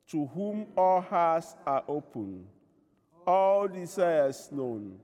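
A man leading a church service, reciting set prayers in a slow, measured way, with a long cathedral-like echo around his voice. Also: fairly high pitch, darkish tone. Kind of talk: liturgical recitation.

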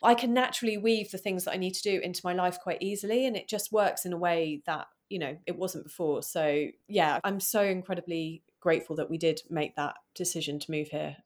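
A woman's voice: fairly low pitch, brisk, few pauses. An English woman talking about her work in a casual interview, chatty, with many fillers. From England. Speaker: guest, floral artist.

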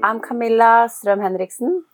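A woman's voice: fairly high pitch, normal speed, music in the background. A middle-aged woman, a film writer-director, speaking English as an interview guest, thoughtful and hesitant with frequent restarts. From Norway. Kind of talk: reflective personal interview.

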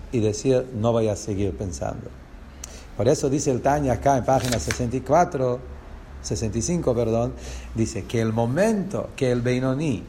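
A man's voice: medium pitch, darkish tone, slight background noise. A man with a Rioplatense Spanish accent teaching a lesson on a religious text. He explains step by step and asks the class rhetorical questions.

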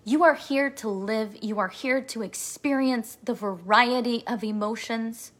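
Her voice sits on the high side and sounds a bit bright, with a measured pace. She is a podcast host and coach in her forties whose motivational monologue is emphatic, repetitive, and emotional in places.

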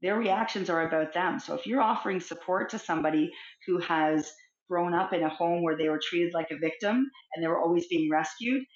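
Middle-aged woman, counsellor guest, lowish voice, expressive and thoughtful, kinda dull lo-fi audio. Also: brisk. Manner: expressive, reflective, acts out little scenes. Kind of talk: conversational interview. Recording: roomy, dull lo-fi sound.

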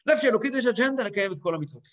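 Animated male rabbi teaching. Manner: animated, acts out voices and quotes, big pitch swings. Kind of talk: lively spoken Torah lesson.

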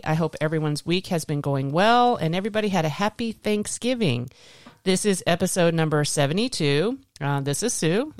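Clear-voiced woman hosting a podcast. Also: lowish voice, no room sound, clean studio sound. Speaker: podcast host. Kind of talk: casual podcast talk.

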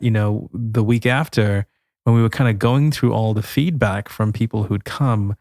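A man's voice: fairly low pitch, darkish tone, no room sound, clean studio sound. A man hosting a podcast, telling stories in a reflective way and introducing a guest. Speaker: podcast host. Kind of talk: scripted intro and casual chat.

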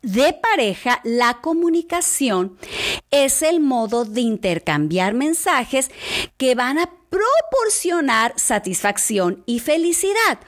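A woman teacher giving an animated talk on couples' communication. She has a loud, strong voice and speaks straight to her audience. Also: high-pitched.

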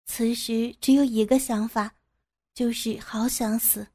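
Mellow-voiced woman narrating a story. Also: a little high, fairly even intonation, a little slow.

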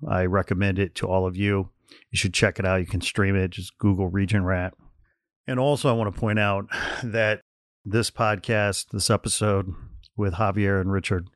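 A man's voice: low-pitched, steady tone, moderate pace, no room sound, studio quality. A man hosting a podcast in casual chat, laid-back, with frequent fillers and restarts. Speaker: podcast host.

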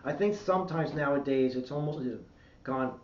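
A man's voice: fairly high pitch, normal speed, a little mellow. A man, a comedian and podcast guest, speaking reflectively and repeating himself as he works through his thoughts. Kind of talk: casual podcast interview. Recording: roomy, distant lo-fi mic with faint hiss.

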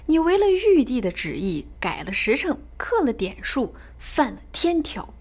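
A woman voicing an unflappable male fortune-teller in a storybook tale, slow, cool and mocking. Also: high voice, sing-song, a little mellow, slightly rough, exaggerated voice. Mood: scornful. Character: calm, scornful old male fortune-teller.

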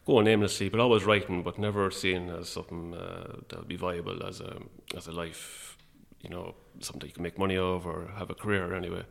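A man with an Irish midlands accent talking casually and a little hesitantly as an interview guest, in a low-key, wry way. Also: little pitch movement, a little fast, vocal fry, few pauses. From Longford, Irish midlands.

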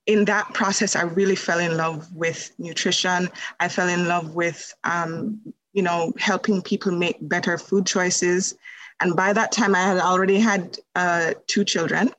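The recording is low quality, but her lowish voice carries a fairly bright tone. She's a Jamaican woman and holistic nutrition practitioner, recounting her story to a podcast host in an easygoing, filler-heavy way.

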